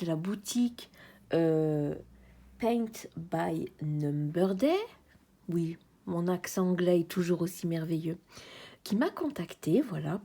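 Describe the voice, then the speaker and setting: A French-accented woman chatting cheerfully in a casual unboxing video, sometimes dropping to a soft whisper. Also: fairly low pitch, slightly rough. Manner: bubbly, chatty, drops to soft whispers at times. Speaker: crafts YouTuber.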